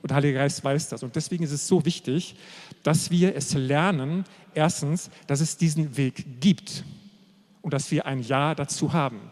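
A man preaches a sermon with a somewhat high voice, pressing his points and slowing down on the key words. His voice rings out with a long reverb, as in a large church hall. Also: a little mellow. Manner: emphatic, repetitive, slows down to stress key phrases.

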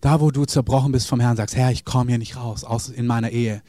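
A man's voice: medium pitch, steady tone, a little fast, mellow, dry recording. A man preaching a sermon, speaking earnestly and addressing the listeners directly.

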